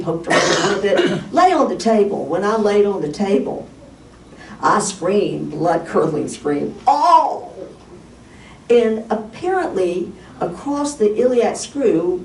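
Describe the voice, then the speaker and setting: A woman pastor preaching a sermon as a personal story, animated and acting out the dialogue. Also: lowish voice. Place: church sanctuary. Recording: echoey church from far off, faint hiss.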